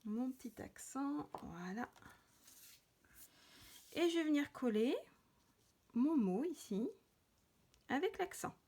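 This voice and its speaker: A woman's voice: high-pitched, very animated, slow pace, pauses often, dark tone, slight background noise. A woman hosting a card-making tutorial, talking casually while she works with many hesitations and fillers. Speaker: crafting tutorial host. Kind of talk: casual craft demonstration.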